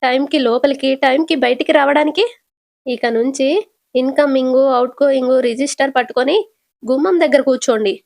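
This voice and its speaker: A woman's voice: sits high, fairly even intonation, brisk, gravelly, darkish tone. A woman voicing a sarcastic, snappish young daughter-in-law in a retold serial.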